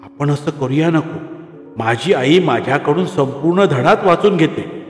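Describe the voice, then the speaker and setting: A man voicing a schoolgirl who speaks to her friend in a hushed, worried way. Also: fairly high pitch, unhurried, soft background music, lightly acted. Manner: hushed whisper to a classmate. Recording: echoey room with long reverb.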